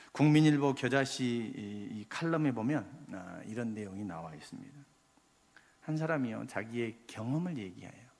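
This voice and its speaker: A male pastor delivers a Sunday sermon in a church sanctuary, his slightly husky voice carrying a long hall reverb. He preaches with passion, pressing key lines loudly and then dropping to near-quiet asides. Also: medium pitch. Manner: impassioned preaching, rising loud then dropping soft.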